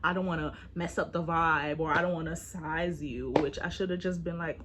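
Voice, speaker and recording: A woman in her twenties telling a casual storytime to her viewers, animated and slangy, speaking straight to the audience. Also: sits low, normal speed, background noise. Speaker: storyteller, vlogger.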